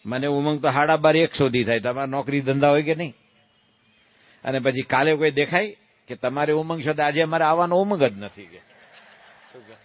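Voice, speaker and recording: Fairly quick but with long pauses, a swami with a voice on the high side tells stories in a sermon, playfully and folksily quizzing the crowd and acting out voices. There's no room sound, and the highs are cut off.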